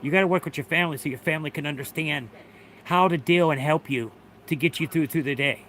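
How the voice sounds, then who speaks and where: Middle-aged male streamer, bright and a touch high, earnest, sweary, near tears, faint noise behind. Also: fast. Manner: earnest, repetitive, swears often. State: tearful. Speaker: livestreamer. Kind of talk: emotional livestream talk.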